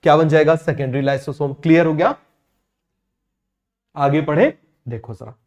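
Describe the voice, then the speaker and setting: A man teaching biology in a quick call-and-response lecture, firing questions at students and repeating each answer himself. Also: on the high side, a little mellow.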